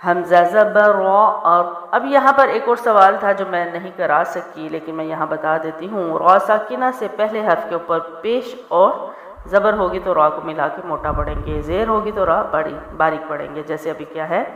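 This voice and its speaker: A woman teaching Quran recitation, drawing out syllables slowly in letter drills. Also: on the low side, a bit bright. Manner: slow, elongated syllable drills. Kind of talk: tajweed lesson with drawn-out letter drills. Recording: echoey hall, dull lo-fi sound.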